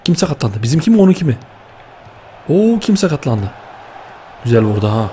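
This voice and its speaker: Excitable young man shouting at a football game. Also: mid-range voice, fairly quick, slight background noise. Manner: excitable, shouts at players, frequent slang. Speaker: gaming YouTuber.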